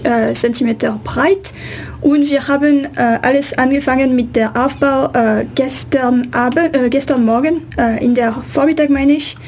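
A woman's voice: sits high, a little mellow, a little hiss or hum. A woman photographer from France with a French accent, answering radio interview questions in hesitant, non-native German with frequent fillers.

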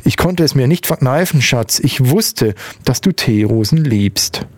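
Man doing a soft-spoken young father. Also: medium pitch, lively intonation, measured pace, no echo, voice pushed up. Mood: affectionate. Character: young eager new father.

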